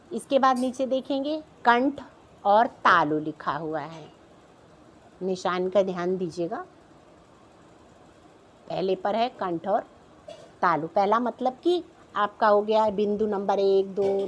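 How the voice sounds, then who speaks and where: A middle-aged woman teaching a class, patiently explaining a chart and repeating each sound, often checking in with her students. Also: medium pitch.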